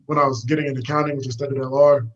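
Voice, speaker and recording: A man's voice: mid-range voice, little pitch movement, racing, dull audio. A young man from the United States, a fighter guest, talking about his past in an easygoing, rambling way with lots of fillers while out on a walk. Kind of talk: casual storytelling interview. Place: walking outdoors.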